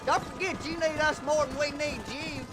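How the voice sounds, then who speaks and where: An actor voicing a surly, mouthy hillbilly deputy with a rural Western accent, sneering and taunting. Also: male voice, very high-pitched, steady tone, moderate pace, over music. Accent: rural American Western.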